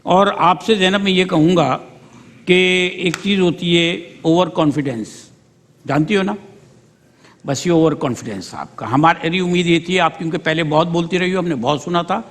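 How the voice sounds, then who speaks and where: A man's voice: a little high, fairly bright tone, long reverb tail. A man judging a speech contest on a TV show, bluntly pointing out forgetting and pronunciation errors. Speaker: debate judge. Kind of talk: TV competition judging. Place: TV studio.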